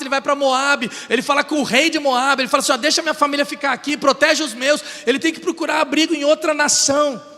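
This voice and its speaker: A Brazilian man preaches with fervor, piling up rhetorical questions and repeated lines. His voice sits very high and rings bright. Long reverb from the church hall trails behind him. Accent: Brazilian Portuguese. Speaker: pastor. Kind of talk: sermon. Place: church sanctuary.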